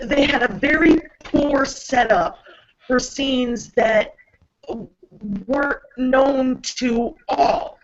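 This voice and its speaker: A woman co-hosting a casual podcast chat, with a robotic-sounding voice, speaking hesitantly with many ums and restarts. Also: sits high. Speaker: podcast co-host. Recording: dull lo-fi sound.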